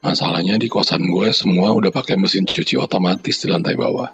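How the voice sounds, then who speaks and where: A man's voice: low-pitched, steady tone, quick pace, faint music behind. A man co-hosting a podcast, chatting in slang and reading a listener's horror story aloud, sounding out the noises in it. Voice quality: gravelly, husky. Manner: banters in slang, then reads steadily with sound effects.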